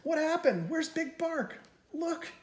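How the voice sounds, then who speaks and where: A woman voicing an excited crowd of little prairie dogs who cheer and yell together in a storybook reading. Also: extremely high pitch, takes it slowly, pitched above the performer's own voice, full character voice. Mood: alarmed. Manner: cheering, yelling. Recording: echoey room.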